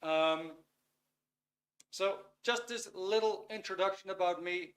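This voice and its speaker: The webinar host is a man in his fifties from the Netherlands, speaking English with a Dutch accent in a high, fairly bright voice. His delivery is easygoing and unhurried, full of fillers as he occasionally hunts for the right word.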